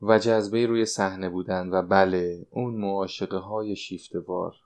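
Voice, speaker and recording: A man's voice: low-pitched, steady tone, darkish tone. A man reading the part of a fretful, nostalgic woman of sixty-nine, a former stage dancer, in an audiobook. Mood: confiding.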